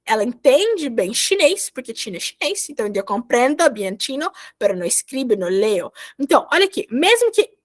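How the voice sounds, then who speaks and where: A woman's voice: high voice, very animated, moderate pace, few pauses. A woman teaching a Spanish grammar class over a video call, explaining verb endings patiently step by step and repeating herself often.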